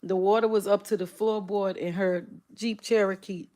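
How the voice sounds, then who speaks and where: A woman's voice: mid-range voice, steady tone, moderate pace, dark tone. Laughing woman livestreaming. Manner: laughs often, teasing, addresses viewers directly. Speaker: livestream host. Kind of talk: casual livestream chat with viewers.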